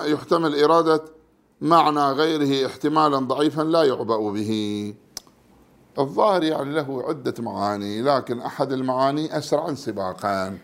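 Male religious studies teacher with a gravelly voice, reading and explaining a textbook point by point. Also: on the high side. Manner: measured, reads numbered terms then explains them.

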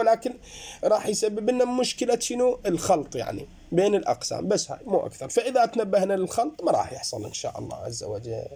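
Guy teaching a jurisprudence class, kinda high but soft mellow voice, explains stuff over and over. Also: gravelly, breathy edge. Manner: explanatory, addresses students as brothers, rises and drops in pitch. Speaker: seminary teacher. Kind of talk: jurisprudence lecture.

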